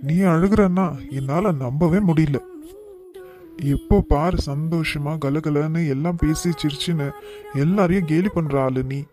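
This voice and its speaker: A man voicing a gentle young husband in a cartoon, tenderly coaxing his crying wife. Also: on the high side, unhurried, soft background music, lightly acted. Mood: comforting.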